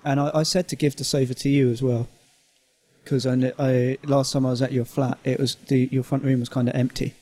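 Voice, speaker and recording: A man's voice: medium pitch, flat delivery, fairly quick, warm tone. A man in casual podcast conversation, hesitant and full of fillers. His humor is dry and sarcastic. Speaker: podcast co-host. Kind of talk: casual chat.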